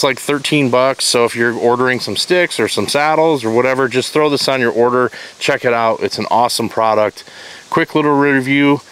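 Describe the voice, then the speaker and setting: A man in his thirties with a Michigan accent, hosting a casual outdoor gear review in the woods on a lapel mic, talking in a relaxed, chatty way. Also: mid-range voice, smooth. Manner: relaxed, chatty, occasional restarts. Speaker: host. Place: outdoors in woods beside a tree. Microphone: clip-on lapel mic.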